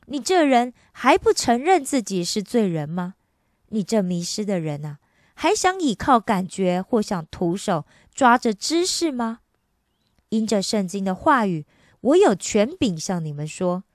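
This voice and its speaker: Woman radio preacher, earnest and exhorting, mid pitch, dry booth sound. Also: no room sound. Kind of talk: devotional reading and preaching.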